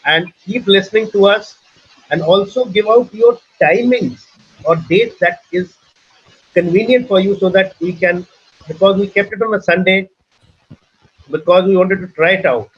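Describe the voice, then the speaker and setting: Husky-voiced Indian man hosting a webinar. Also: sits high, normal speed. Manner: earnest, advisory, restarts sentences and repeats points. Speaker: webinar host and trainer. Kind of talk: casual teaching talk in a webinar. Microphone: video call. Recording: muffled online call audio.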